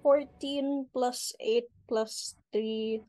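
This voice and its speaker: A woman, a player at a tabletop game, calmly reading out her dice totals. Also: on the high side, poor audio. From Philippines. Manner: unhurried, reads out dice totals. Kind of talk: casual chat at a game table.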